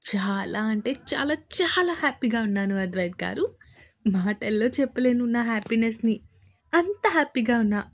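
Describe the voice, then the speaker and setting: A woman's voice: a little high, expressive, moderate pace. A woman voicing a bashful young wife who speaks shyly and hesitantly to her husband. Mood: happy. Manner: shy, hesitant, sweet.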